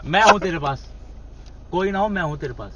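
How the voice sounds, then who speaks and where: A man's voice: high-pitched, expressive, brisk, dull audio, very noisy. A man comforting a crying friend, repeating reassurances over and over. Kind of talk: emotional unscripted talk. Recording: distant mic in a loud crowd.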